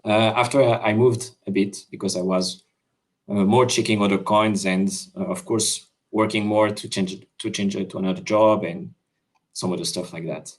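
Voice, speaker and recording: Over a video call, a Swiss-born crypto developer explains his app work in a slightly low voice with fairly even intonation. He sounds casual and unscripted, hesitating with frequent pauses, many "uh"s and other fillers, and restarting sentences.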